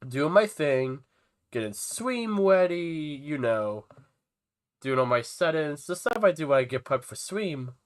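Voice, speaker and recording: A man's voice: a little high, animated, measured pace. A young man chatting casually on a live game stream, with a stuffy, nasal voice as if he is about to sneeze. He rambles to his viewers and talks to the creatures in his game. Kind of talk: casual live-stream chat while playing.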